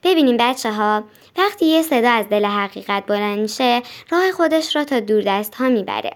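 A woman voicing a kind female village teacher in a storybook, calm and soft-spoken. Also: on the high side, lightly acted. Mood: gentle.

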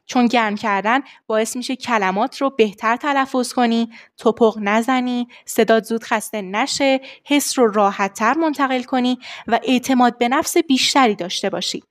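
A young adult woman voice coach giving a lesson on vocal warm-ups, explaining steps and demonstrating the exercises herself. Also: a little high, hardly any pauses. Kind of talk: voice training lesson.

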